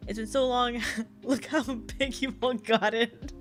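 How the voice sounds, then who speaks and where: Streaming as a VTuber, a young woman chats casually with viewers, sounding congested, a little tired and low on energy as she rambles and giggles often. Her voice is a little high with fairly even intonation and a measured pace, and faint music plays underneath.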